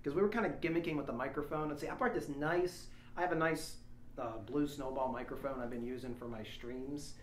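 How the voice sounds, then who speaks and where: A man with a mid-range voice talks briskly as host of a read-along show, switching between casual chat and reading a story aloud. He's picked up on a small lapel microphone shared by the group in an echoey room, so the sound is roomy with faint noise.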